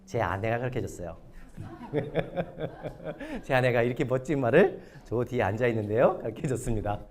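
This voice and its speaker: Animated Korean pastor lecturing. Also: male voice, mid-range voice, fast. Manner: animated, asks the audience questions. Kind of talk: lively sermon lecture. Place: church or hall lecture before an audience.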